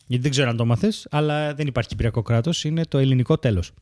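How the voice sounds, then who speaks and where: A man's voice: medium pitch, a little mellow, dry recording, studio quality. A man co-hosting a casual comedy podcast, delivering absurd conspiracy jokes with a straight face. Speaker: podcast co-host.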